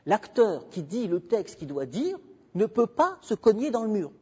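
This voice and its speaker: Husky-voiced man lecturing in an echoing hall. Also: sits high, very animated, unhurried, darkish tone. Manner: emphatic, digressive, chatting with the audience. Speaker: guest lecturer. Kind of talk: university lecture. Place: university lecture room. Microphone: handheld microphone. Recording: dull lo-fi recording with long hall reverb.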